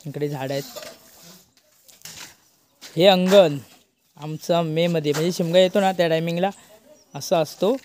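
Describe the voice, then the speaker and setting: A man's voice: a little high, fairly even intonation, unhurried, pauses often, darkish tone, a little hiss or hum. A man hosting a casual village vlog, chatty and coaxing as he shows around his home courtyard. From Konkan, India. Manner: chatty, coaxing and teasing the kids. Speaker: village vlogger host. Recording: outdoor courtyard with family chatter behind.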